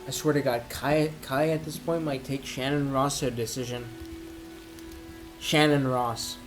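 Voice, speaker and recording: A man giving a casual, off-the-cuff sports rant, rambling and thinking aloud in halting bursts as if he has had a few drinks. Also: medium pitch, steady tone, music in the background. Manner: drinking while ranting, tipsy rambling. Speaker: MMA commentator giving opinions.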